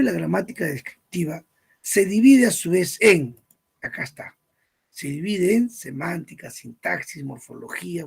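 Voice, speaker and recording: A male language teacher lectures a class, posing questions and supplying the answers himself. His voice is gravelly and husky, with a fry in it, and sits fairly high for a man. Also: a little mellow. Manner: asks questions and answers them himself, stresses key words.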